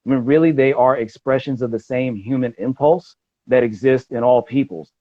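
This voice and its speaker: A man's voice: mid-range voice, moderate pace, no room sound. A man speaking in a casual conversation as a guest, discursive and arguing his point at length. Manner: discursive, argumentative. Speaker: podcast guest. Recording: dull dry audio.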